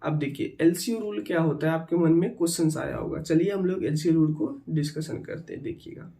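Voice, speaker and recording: A man's voice: fairly high pitch, brisk, mellow. A man teaching chemistry in an exam-prep lecture, mixing in terms, repeating key words and checking in with the students.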